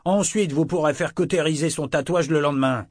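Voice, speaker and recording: A man's voice: medium pitch, a little slow, no room sound, studio quality, natural voice. A man voicing an irritable, bitter small male tattoo artist who speaks harshly. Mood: furious. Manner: furious and harsh. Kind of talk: audiobook character voice.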